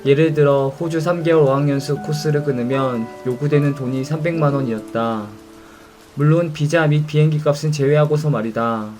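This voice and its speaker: A young man narrating a scripted reflection in a calm, introspective way. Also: mid-range voice.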